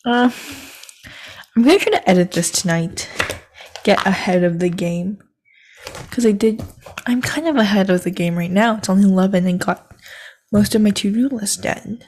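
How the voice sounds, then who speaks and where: A young woman rambles into her podcast mic, laughing at herself as she jumps from thought to thought. Her voice sits at an ordinary middle pitch for a woman, and her talk is loose and unscripted. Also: moderate pace, long pauses, a little mellow, slight background noise. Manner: scattered, self-deprecating, giggly. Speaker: podcast host. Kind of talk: rambling solo podcast chat. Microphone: podcast microphone.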